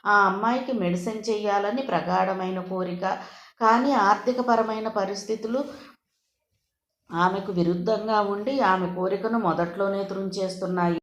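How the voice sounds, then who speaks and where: A woman reading a novel for an audiobook, steady and expressive, with a mid-range voice that carries the story clearly. Her pacing is measured and even. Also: mid-range voice, slight background noise. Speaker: audiobook narrator. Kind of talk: scripted novel narration.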